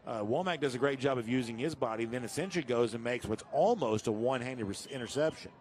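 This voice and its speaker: A man calling a live high school football game play by play, steady and informative, climbing in energy on big plays. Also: fast. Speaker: play-by-play announcer.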